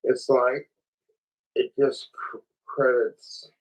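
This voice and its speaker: A man's voice: mid-range voice, flat delivery, very slow. A man hosting a late-night livestream, rambling and swearing while he fights the hiccups. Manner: rambling and profane. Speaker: livestream host. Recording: distant, muffled lo-fi stream audio.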